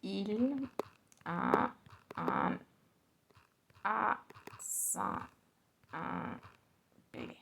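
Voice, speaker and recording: Slow, gravelly-voiced woman learning French. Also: mid-range voice, expressive, very noisy. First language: Spanish. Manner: halting, repeats phrases, mutters to herself. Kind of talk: pronunciation practice.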